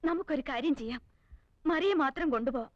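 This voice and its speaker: A woman's voice: sits high, fast talker, no echo, dull audio, close to an everyday voice. An actress playing an anxious wife who pleads to go see her injured brother, in a film drama. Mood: pleading. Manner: pleading, tearful.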